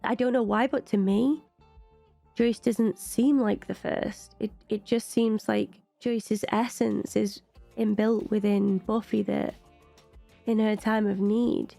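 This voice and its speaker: British woman with a gravelly, mellow voice. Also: mid-range voice, fairly even intonation, slow, soft background music. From Britain. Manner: chatty and opinionated, with frequent "like" fillers. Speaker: reaction video host. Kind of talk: casual reaction commentary.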